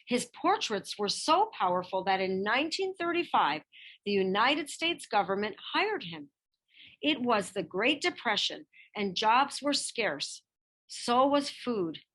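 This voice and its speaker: A woman with a slightly high voice reads a picture-book biography aloud from a script. Her delivery is expressive, with deliberate emphasis.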